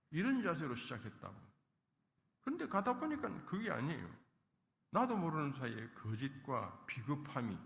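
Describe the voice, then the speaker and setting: A man's voice: a little high, gravelly. A male pastor preaching a sermon with emphasis, acting out the lines he quotes. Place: church sanctuary. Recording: echoey church hall.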